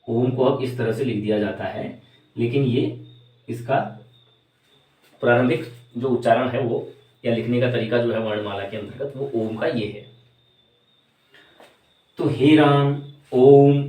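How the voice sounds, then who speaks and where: A man gives an exam-prep lesson, asking his own questions and answering them step by step. His voice is mid-pitched. It sounds roomy and a little distant from the mic. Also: a little mellow. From Uttarakhand, India. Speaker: teacher. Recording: echoey room, voice from away from the mic.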